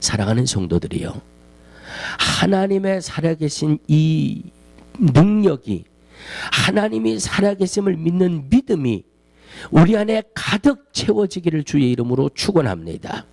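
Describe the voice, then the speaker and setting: A man's voice: sing-song, a little slow, gravelly, a little mellow, dry recording. A male Korean pastor preaching a Sunday sermon with passion, acting out pleas to God in a raised voice. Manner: impassioned preaching, voicing pleas in a raised pitch.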